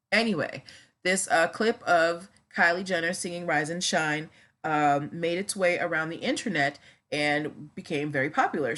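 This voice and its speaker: Subdued woman livestreamer, low-pitched, recovering from surgery. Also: a bit bright. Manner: chatty, addresses viewers directly. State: on painkillers after surgery, a little slowed. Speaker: livestream host discussing trademarks. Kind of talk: casual livestream commentary.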